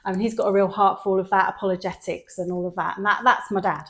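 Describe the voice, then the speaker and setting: A woman's voice: medium pitch, fast. A middle-aged woman from England with a mixed London and Sheffield accent, telling her story as a podcast host in casual chat. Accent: mixed London and Sheffield English. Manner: chatty storyteller, lively quoted voices.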